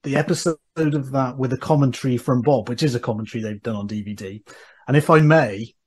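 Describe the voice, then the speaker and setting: A man's voice: mid-range voice, brisk, breathy edge. A man hosting a podcast, asking his guest about old sketches in a casual, fan-like way. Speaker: podcast host. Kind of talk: casual interview.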